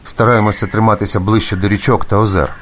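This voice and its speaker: A man's voice: on the low side, little pitch movement, fast, a little hiss or hum, close to an everyday voice. A man voicing a wary older male traveller in a storybook reading, speaking in a slightly raised, careful way. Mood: cautious.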